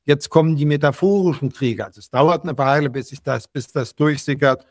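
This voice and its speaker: An older man from West Berlin gives a long interview answer in a slightly raised voice. He speaks in a measured way, repeating words while he searches for them. The sound is dry and close, with no room echo. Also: fairly high pitch. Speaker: guest.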